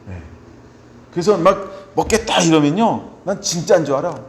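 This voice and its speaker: A middle-aged man preaching a sermon as pastor, chatty and personal, often checking with the congregation and swinging between soft asides and loud emphatic points. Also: fairly high pitch, lively intonation, normal speed. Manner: conversational preaching, frequent rhetorical "right?" checks. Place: church sanctuary. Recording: echoey church hall with faint background noise.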